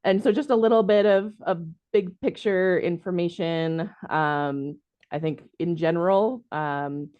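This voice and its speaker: A woman's voice: lowish voice, a little slow, no room sound, muffled recording. A woman from city housing staff giving a presentation in an online meeting, casual and hedging, with many ums. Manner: informal, hedging with frequent ums.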